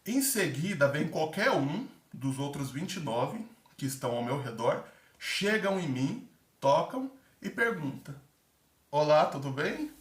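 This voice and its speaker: A man's voice: on the high side, very animated, measured pace. A man giving casual, chatty tips about a theater aptitude test, acting out little examples as he goes. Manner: chatty, full of fillers, acts out examples. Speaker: former theater-course candidate giving tips. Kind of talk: casual advice vlog. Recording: echoey room, mic at a distance.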